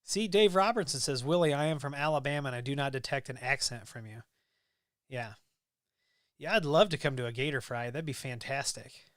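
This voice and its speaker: A Midwestern American man hosts a casual live stream, reading viewer comments and rambling easily with lots of ums and restarts. His voice sits at medium pitch with a fairly bright tone, and he talks a little fast. The recording is dry and studio-clean.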